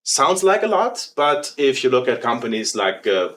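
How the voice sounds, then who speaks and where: A man from Germany with a German accent, a company president talking casually in an interview, relaxed and halting with many fillers. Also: medium pitch.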